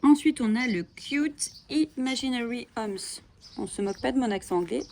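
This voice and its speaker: A woman's voice: on the high side, animated, fast, gravelly, darkish tone, a little hiss or hum. A woman hosting a coloring channel, flipping through coloring books and chatting enthusiastically, with frequent fillers. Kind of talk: casual book flip-through. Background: bird chirping.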